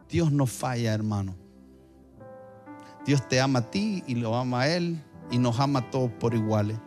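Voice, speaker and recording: A man's voice: mid-range voice, darkish tone. A male pastor preaching a sermon, building emphatic phrases that surge and repeat.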